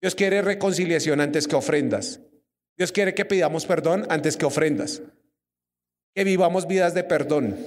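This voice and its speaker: A young Colombian preacher with a high voice gives a lively sermon, keeps questioning his congregation. His voice rings through a hall with a long reverb. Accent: Colombian Spanish. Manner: lively, asks the audience questions.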